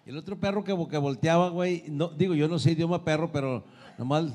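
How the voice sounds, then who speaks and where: A man's voice: fairly high pitch, fast talker, a little mellow, long reverb tail. A man, a guest comedian telling crude stories in casual banter. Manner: crude storytelling, lots of slang.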